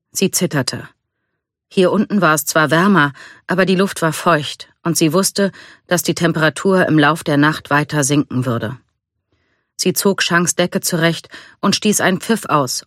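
A reader narrating a storybook in a calm, even reading voice. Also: medium pitch, dry recording, studio quality. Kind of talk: scripted narration.

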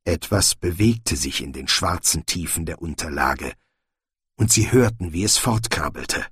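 A male narrator reads a fantasy storybook with a husky voice and lively, expressive intonation. The recording is dry and close. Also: sits low, measured pace, dry recording. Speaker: audiobook narrator.

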